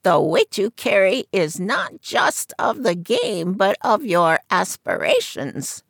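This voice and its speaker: A croaking old fortune teller, as a woman puts her on, mischievous and mysterious. She draws out each pronouncement slowly and theatrically, rising high and loud. The voice is gravelly and close, in a dry room. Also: sing-song, dry recording, full character voice. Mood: mystical.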